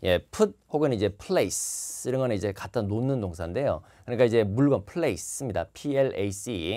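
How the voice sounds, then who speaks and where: A man's voice: lowish voice, lively intonation, unhurried, dark tone. A man teaching a test-prep lecture to the camera, repeating and stressing key words. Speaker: TOEIC instructor. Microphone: facing the camera.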